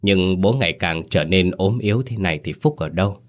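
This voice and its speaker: A man's voice: low-pitched, fairly quick, natural voice. A man voicing an agitated, worried son. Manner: agitated, questioning. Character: worried, frustrated adult son.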